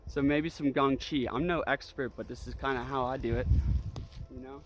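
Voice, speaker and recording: A man's voice: mid-range voice, fairly even intonation, normal speed, background noise. Casual male breathwork instructor with loose phrasing. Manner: easygoing, loose phrasing peppered with "you know", "like" and "right?"; guiding with repeated imperative cues. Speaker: breathwork and energy practice instructor. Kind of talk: casual spoken instructional demonstration.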